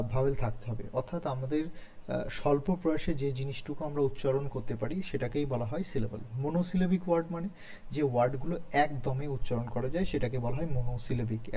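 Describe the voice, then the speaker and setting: A man with a mellow, warm voice and a Bengali accent teaches an online beginners' English lesson. He explains patiently, repeats key points and keeps checking that his students follow. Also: mid-range voice.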